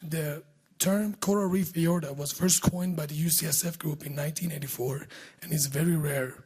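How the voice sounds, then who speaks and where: Hoarse man, voice giving out. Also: a little high, steady tone, normal speed, darkish tone. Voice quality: husky voice giving out. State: hoarse, losing his voice. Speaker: surgeon presenting research at a medical conference. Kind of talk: scripted scientific presentation. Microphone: speaking close to a podium microphone.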